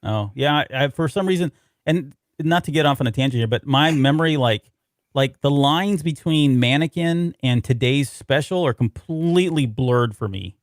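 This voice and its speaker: A man's voice: mid-range voice, moderate pace, no echo, studio quality. A man co-hosting a podcast, chatting casually about a novel, laughing often and rambling through memories. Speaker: podcast co-host.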